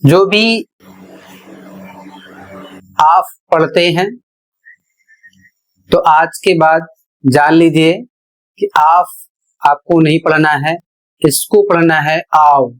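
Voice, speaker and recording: A pronunciation teacher talks through a lesson in a mid-range voice. The delivery is slow and deliberate, with words spelled out one letter at a time before each is explained. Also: mid-range voice, rough recording.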